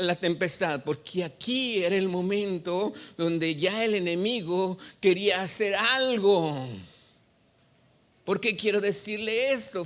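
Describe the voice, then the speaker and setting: Man, pastor preaching, slow deliberate delivery, quizzes the congregation. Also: high-pitched, a bit bright. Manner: call-and-response questions to the congregation; reads scripture aloud and expounds it. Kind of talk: sermon. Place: church sanctuary.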